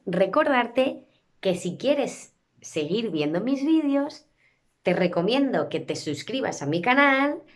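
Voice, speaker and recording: A woman with a Spain Spanish accent, teaching pronunciation by modeling sounds slowly and carefully. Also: fairly high pitch. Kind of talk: pronunciation lesson.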